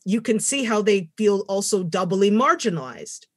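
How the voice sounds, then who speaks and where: A woman from Canada speaks reflectively on a video call, now and then with a light laugh in her words. The sound is dry, with no room around it. Her pitch sits in the middle. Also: animated, normal speed, breathy edge, no room sound. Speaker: panel guest writer. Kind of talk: webinar discussion.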